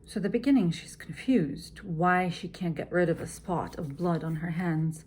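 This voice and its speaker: A woman who is an opera singer, explaining how she works through a scene in a measured, teacherly way, often dropping to a soft near-whisper. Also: on the low side, slight background noise. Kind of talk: teaching walkthrough.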